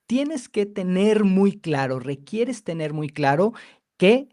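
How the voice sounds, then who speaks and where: A man's voice: sits high, big pitch swings, slow, warm tone, no room sound, clean studio sound. A man working as a therapist, talking emphatically and repeating phrases for stress in a conversational interview. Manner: acts out clients' voices mockingly. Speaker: biodecoding therapist.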